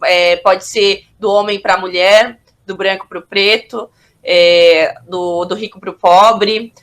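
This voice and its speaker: Halting woman teacher on a video call. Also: medium pitch, fairly even intonation. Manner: hesitant, halting, many restarts. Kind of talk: online class discussion.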